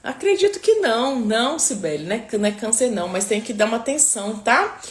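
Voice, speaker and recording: A woman's voice: on the high side, very animated, fast. A nutritionist woman chatting on a live stream, answering viewers and often tagging sentences with "tá?" and "né?", with religious blessings mixed in. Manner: chatty, peppers speech with "tá?" and "né?". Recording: roomy, echoey room.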